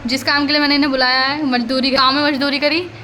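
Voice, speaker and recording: A woman's voice: high-pitched, little pitch movement, quick pace, pushed and bright. A young adult woman chatting and telling stories in a casual family vlog at home, laughing often. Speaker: vlogger. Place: home, indoors. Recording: echoey room with background noise.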